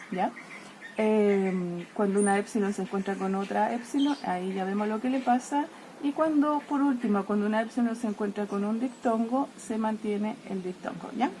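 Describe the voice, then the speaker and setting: A woman teacher explaining grammar to her students, checking in constantly with a quick "¿ya?" and playfully treating letters as if they fight and die. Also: medium pitch, dark tone, a little hiss or hum. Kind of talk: explaining Greek grammar lesson.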